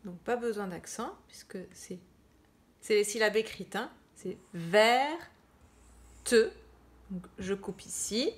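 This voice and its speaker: A woman teacher leads a children's spelling dictation. She talks very slowly and deliberately, saying each word more than once and spelling it letter by letter, in a voice of middling pitch. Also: expressive. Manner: slow, deliberate, spells out words and repeats them. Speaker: primary school teacher. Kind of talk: slow dictation lesson for children.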